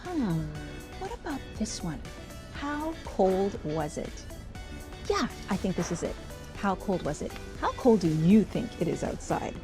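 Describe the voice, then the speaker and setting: This read-aloud host has a mid-range voice with big pitch swings and a measured pace. She narrates a children's storybook with exaggerated, playful stress on descriptive words while music plays underneath.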